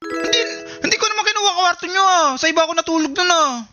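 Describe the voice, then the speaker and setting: A young man in his twenties with a notably high voice reacts on a casual stream. He is excitable, swears a lot and rambles in quick bursts of teasing chatter. Clear music plays behind him. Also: lo-fi sound. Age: 20s. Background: background music.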